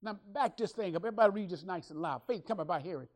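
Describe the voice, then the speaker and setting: A woman's voice: on the low side, animated, rapid-fire, a little mellow. Emphatic woman preacher. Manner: repetitive, emphatic preaching with call-and-response. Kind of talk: sermon.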